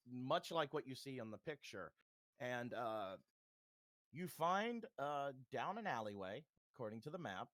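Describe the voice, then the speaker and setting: A man running a tabletop game as game master, describing scenes in a relaxed, halting way. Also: mid-range voice, dry recording.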